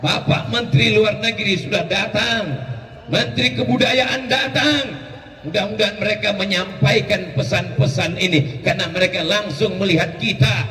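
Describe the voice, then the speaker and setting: High-voiced man shouting at an outdoor rally. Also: moderate pace. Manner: shouting, rhetorical questions, leads the crowd in repeating. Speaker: preacher addressing a rally. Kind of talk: fiery rally oration with call-and-response. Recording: echoey public address heard from far off.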